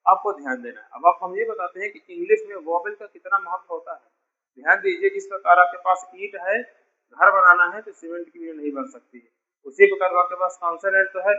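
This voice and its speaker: A man's voice: high voice, a little fast, pushed and bright, dull audio. A man teaching a beginner English lesson, patiently repeating each point and calling his students dear children. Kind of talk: classroom lesson explaining spelling.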